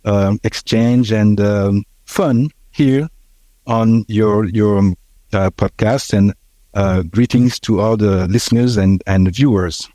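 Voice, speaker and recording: Podcast guest, man in his sixties, warm dark tone, dry close sound, halting reflective delivery. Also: fairly low pitch, fairly even intonation, no room sound. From Haiti. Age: 60s. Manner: hesitant, many fillers and restarts. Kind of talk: reflective conversational storytelling.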